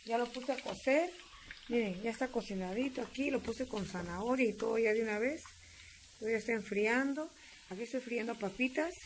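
A woman's voice: fairly high pitch, background noise. A woman with a Peruvian accent, chatting homily to her viewers while cooking in a farmhouse kitchen. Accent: Peruvian Spanish. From Peru. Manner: chatty, homey, keeps addressing viewers as friends. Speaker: vlogger. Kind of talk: casual cooking vlog chat. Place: family home kitchen on a farm.

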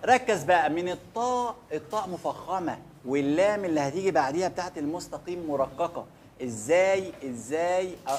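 A man with an Egyptian accent teaching Quran recitation, drilling words slowly and asking listeners to repeat them back. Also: fairly high pitch, slight background noise. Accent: Egyptian Arabic. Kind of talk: recitation lesson.

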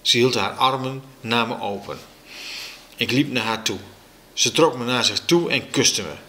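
Male reader for a children's book, unhurried and expressive, with a bright voice. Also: mid-range voice. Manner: slow, expressive storytelling. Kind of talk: reading aloud a children's story.

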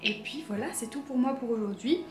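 A woman vlogger chatting to camera in a casual, excitable way, with frequent hesitations. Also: a little high, brisk. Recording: echoey room with faint music.

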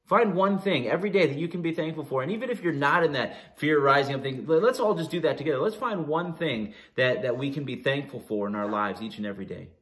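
A man's voice: on the high side, lively intonation, quick pace, few pauses, fairly bright tone. A man with a Canadian accent preaching a sermon as pastor, earnest, with frequent restarts and rising emphasis on key phrases.

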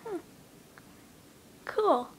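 A young woman giving a casual how-to tutorial while talking with her fingers in her mouth, chatty and halting with lots of fillers. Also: a little hiss or hum. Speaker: vlogger. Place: indoors at home, windy outside. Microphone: device mic.

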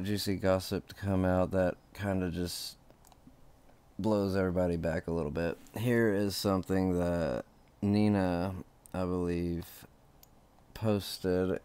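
A man's voice: low-pitched, darkish tone, smooth. A man hosting his own gossip channel, talking casually and chattily and laughing at his own remarks.

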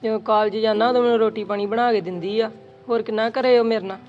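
A man's voice: high voice, steady tone, fast, dull audio, lightly acted. Man playing a earnest young brother. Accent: Punjabi. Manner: earnest, defending his sister-in-law. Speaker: actor in family drama.

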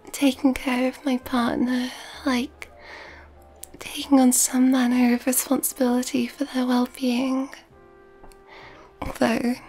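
In a soft, breathy whisper, a woman plays a nurturing, gently dominant and affectionate girlfriend for an ASMR roleplay. Her voice is high and fully in character, with a gentle, thoughtful mood.

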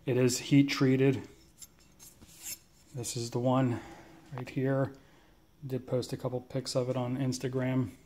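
A man's voice: mid-range voice, darkish tone, slight background noise. A man giving a casual tour of his home garage workshop, filmed on a handheld phone, chatting about his tools with plenty of fillers. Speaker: knife maker giving a shop tour. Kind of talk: casual shop tour walkthrough. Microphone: handheld phone camera.

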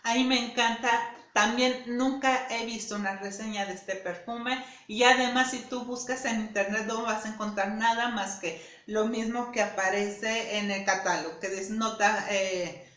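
A woman's voice: on the high side, steady tone, moderate pace, a bit bright, echoey room. A woman reviewing perfumes in a casual, chatty way, often repeating herself and asking "¿sí?". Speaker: beauty vlogger.

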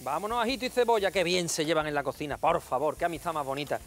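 A man's voice: a little high, fast, a bit bright. A man demonstrating a recipe on a TV cooking show, chatty and playful, joking with viewers. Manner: playful and jokey, addressing viewers as family. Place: TV studio kitchen.

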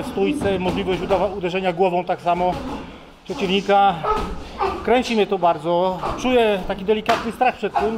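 Sweaty guy about 40, higher voice, stumbles and restarts a lot, handheld mic, noisy gym crowd behind. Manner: halting, with many restarts and fillers. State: sweaty after training. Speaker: kickboxer being interviewed. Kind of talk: casual interview answers. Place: busy indoor fight gym during training. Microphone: handheld interviewer mic. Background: crowd of people training.

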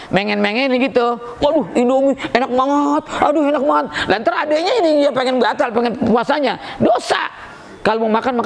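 A middle-aged man, giving a humorous Ramadan sermon. He tells jokes, acts out the voices in his stories, and jumps up high and loud to stress a point. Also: vocal fry. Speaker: preacher at a school Ramadan program.

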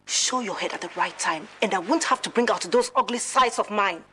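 A woman's voice: medium pitch, brisk, a little hiss or hum, natural voice. An actress with a Ghanaian accent playing a jealous, domineering and wounded woman in love in a film drama, speaking emphatically. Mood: angry, threatening. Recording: loud music behind film dialogue.

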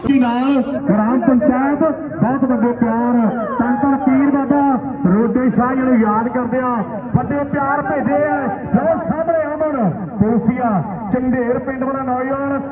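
High, tinny Punjabi kabaddi announcer man. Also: fairly even intonation, measured pace. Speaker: live kabaddi commentator and announcer. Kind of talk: rural sports commentary and announcements. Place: outdoor village sports ground. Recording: tinny echoing PA, distant, noisy.

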